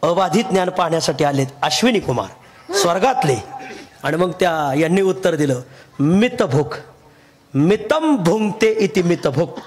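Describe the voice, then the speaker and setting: A man from Maharashtra delivers a devotional kirtan sermon in a high voice. He tells stories with humour and sing-song emphasis, often laughing as he talks. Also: expressive, moderate pace. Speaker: kirtan preacher.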